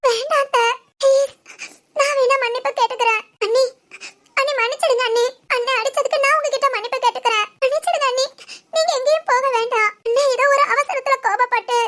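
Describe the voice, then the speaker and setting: Cartoon drama: woman playing a pleading young wife, shrill and bright. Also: fast. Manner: pleading, apologetic. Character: young pregnant woman, tearful and apologetic. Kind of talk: animated family drama voice acting.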